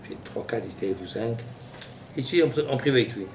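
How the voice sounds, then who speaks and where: A man preaches as a rabbi, his pitch swinging widely as he bursts into exclamations. He stands some way from the mic in an echoey hall. Steady background noise hangs around his voice. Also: fairly quick. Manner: animated, exclamatory storytelling with sudden high outbursts. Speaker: rabbi giving a Torah class. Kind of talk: lively sermon with anecdotes. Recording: echoey room, voice from far off, noisy.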